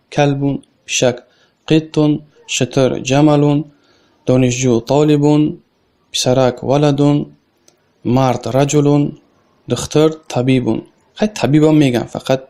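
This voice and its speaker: A man with a Tajik accent teaching an Arabic lesson in a casual way, reading phrases slowly and then explaining them. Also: medium pitch, warm tone.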